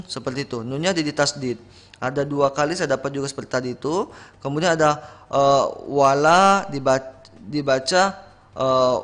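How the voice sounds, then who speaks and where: A man giving patient, corrective feedback on Quran recitation on a radio program, slowly sounding out each word. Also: fairly high pitch, a bit bright.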